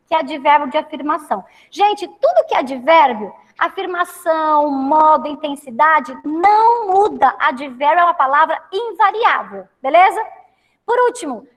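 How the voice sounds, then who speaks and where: A woman with a Brazilian Portuguese accent teaching a Portuguese class, affectionate with her students and often checking that they follow. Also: extremely high pitch. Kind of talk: online class lesson. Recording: long reverb.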